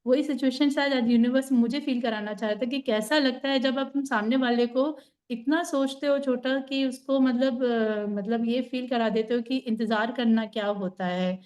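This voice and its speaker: Woman w/ a higher voice talking thru a personal story on a video call, thoughtful. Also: moderate pace, few pauses, a little mellow. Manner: reflective, conversational storytelling. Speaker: group participant sharing a story. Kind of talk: casual chat on a group call.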